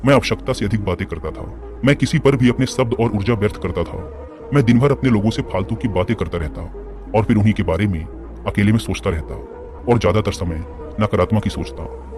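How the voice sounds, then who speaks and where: A man's voice: lowish voice, brisk, close to an everyday voice. Man voicing an earnest, reflective young prince. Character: remorseful young male prince. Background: music.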